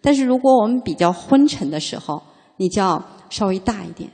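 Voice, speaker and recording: Husky-voiced woman teaching in a reverberant hall. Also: medium pitch, expressive, dark tone. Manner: reads a classical passage slowly, then explains it in plain speech; chatty, frequent "啊" fillers and rhetorical questions. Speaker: Buddhist teacher. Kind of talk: dharma lecture, explanatory and conversational.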